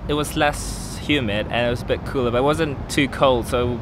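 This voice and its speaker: Casual man from Singapore, rumbling background. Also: moderate pace, noisy background. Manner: casual, peppered with "sort of" and "like". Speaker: PhD student. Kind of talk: interview testimonial.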